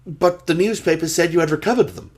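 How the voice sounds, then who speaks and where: An actor playing an earnest gentleman doctor who narrates a detective radio drama in an expressive storytelling way. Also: fairly high pitch, quick pace, close to an everyday voice. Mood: puzzled, inquiring.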